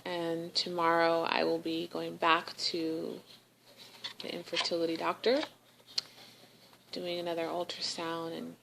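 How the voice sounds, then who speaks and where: A young woman in a personal video diary, speaking in a halting, emotional way with many pauses. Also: lowish voice, gravelly, a little hiss or hum, rough recording. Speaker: vlogger.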